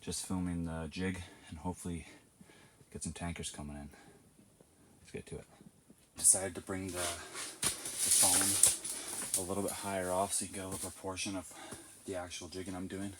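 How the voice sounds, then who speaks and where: A man's voice: low-pitched, little pitch movement, normal speed, pauses often. A man giving casual, slangy fishing vlog commentary in a laid-back way, recorded on location. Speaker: fishing vlogger. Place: inside an ice fishing tent and outdoors on a lake. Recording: noisy outdoor ice fishing recording.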